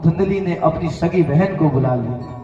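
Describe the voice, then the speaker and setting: A woman's voice: low voice, moderate pace. Woman narrating a scripture story to devotees, dramatic, far-off mic in a big echoey hall. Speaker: religious storyteller. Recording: echoey hall from far off, dull sound, music behind.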